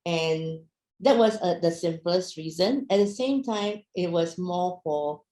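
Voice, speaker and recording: A chatty young woman talks to an online audience, full of fillers and questions. Her voice is low and gravelly with fry. The room around her is echoey. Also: darkish tone. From Myanmar, raised in Singapore. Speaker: speaker at an online business talk. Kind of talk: casual presentation to an online audience.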